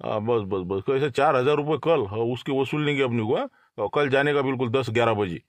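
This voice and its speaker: A man's voice: medium pitch, brisk, no room sound, natural voice. A man playing a menacing, swaggering local extortion racketeer in a comic sketch. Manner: menacing, swaggering street talk.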